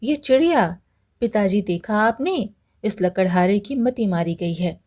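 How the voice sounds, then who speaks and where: Scheming young impostor bride, sly and wheedling, put on by a woman storyteller, warm tone. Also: mid-range voice, lively intonation, measured pace. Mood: mocking. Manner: sly, pleading to her father.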